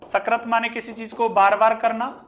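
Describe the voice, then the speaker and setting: A man teaching a grammar lesson, reciting a verse slowly and then explaining it word by word. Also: extremely high pitch, sharp tone.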